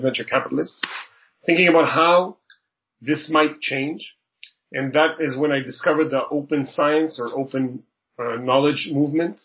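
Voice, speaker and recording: Earnest man from Israel, lo-fi audio. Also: mid-range voice. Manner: earnest, many repeated words and restarts. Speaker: startup co-founder and CEO. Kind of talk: interview answers. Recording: dull lo-fi audio.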